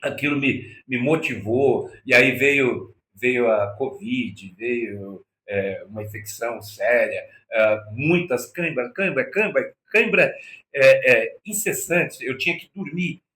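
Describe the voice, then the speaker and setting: A man's voice: mid-range voice, unhurried. Brazilian man telling a story. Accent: Brazilian Portuguese. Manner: acts out quoted dialogue in lively, shifting voices. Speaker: interview guest. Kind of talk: anecdotal storytelling. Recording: echoey room.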